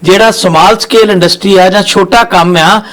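A man's voice: high-pitched, fairly even intonation, normal speed, a bit bright, rough recording. A man hosting an interview, challenging his guest and raising counterpoints. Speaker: host. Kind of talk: conversational interview.

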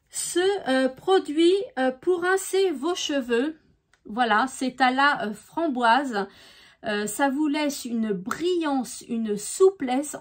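A middle-aged woman talks through her shopping haul in a relaxed, chatty way, often pausing to find her words. Her voice sits high and her tone stays upbeat about the products. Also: noisy background. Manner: chatty, frequent hesitations, enthusiastic about products. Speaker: beauty vlogger. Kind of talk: casual haul chat to camera.

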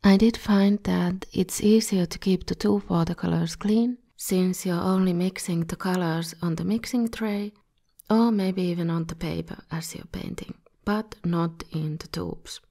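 Feeling a bit under the weather, a woman hosts an art tutorial in scripted voice-over. She speaks unhurriedly in a fairly low, creaky, mellow voice with a slight scratch to it.

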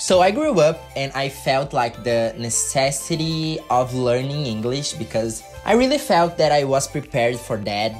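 A young Brazilian man, a YouTuber, tells a personal story to camera in English, his second language, with a Brazilian Portuguese accent and a slightly high voice. He's earnest, packs his speech with "like," and gestures with his hands. This vlog is shot in his bedroom under colored lights.

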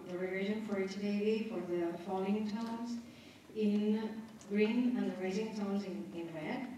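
A woman's voice: medium pitch, mellow, a little hiss or hum. A woman giving a conference lecture, explaining step by step and adding tag questions as she goes. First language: Spanish. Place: conference hall. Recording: echoey hall from far off.

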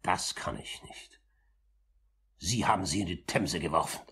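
Here the composed older uncle of a 1950s German radio play is performed in an exaggerated way by a man whose husky voice sits low with a sharp edge. He speaks formally and with deliberation, laying firm, accusing stress on his words.

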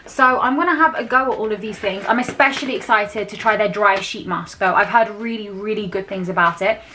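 A woman's voice: medium pitch, fairly quick, pushed and bright, a little hiss or hum. A young woman in her twenties, chatting enthusiastically to camera while unboxing beauty products, with frequent fillers. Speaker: beauty vlogger. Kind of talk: casual haul chat to camera.

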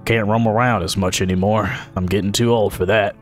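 Man voicing a gruff old drifter, slightly lower, conspiratorial, game character. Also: steady tone, brisk, faint music behind, close to an everyday voice.

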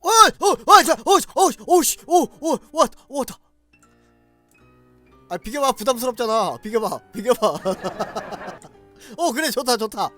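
A man doing loud, excitable gameplay commentary, exclaiming and talking straight to his viewers. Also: very high-pitched, a little slow, soft background music. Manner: loud, excitable, shouting and laughing often; talks to viewers directly. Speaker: game streamer.

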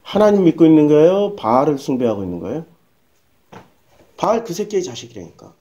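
A woman's voice: low voice, big pitch swings, fairly quick, mellow, dull audio. A woman pastor preaching a sermon in a blunt, emphatic way, firing rhetorical questions and dropping coarse slang. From South Korea.

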